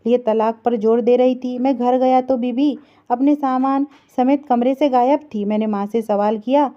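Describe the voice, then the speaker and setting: A woman's voice: a little high, steady tone, moderate pace. Woman narrating a sad story, lo-fi. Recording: dull lo-fi recording.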